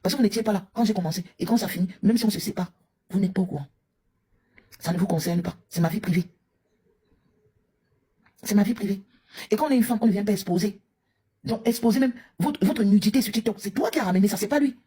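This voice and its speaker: A woman's voice: mid-range voice, fast, mellow, husky. A woman from Cameroon, a mother and live streamer, scolding a rival in a heated, confrontational rant. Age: young adult to middle-aged, a mother.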